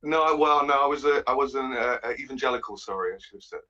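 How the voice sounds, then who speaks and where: A man from the Netherlands calling in, speaking haltingly, with many pauses and restarts. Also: medium pitch, sharp tone. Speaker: caller. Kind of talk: casual call-in chat. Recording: dull lo-fi call audio.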